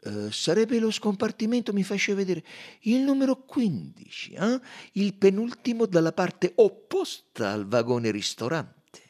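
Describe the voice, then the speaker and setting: Guy doing a fussy old detective in an audiobook, high and sing-song, coaxing, insistent. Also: wildly swooping pitch, measured pace, a little mellow, full character voice. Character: fussy, probing older male detective. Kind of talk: audiobook reading.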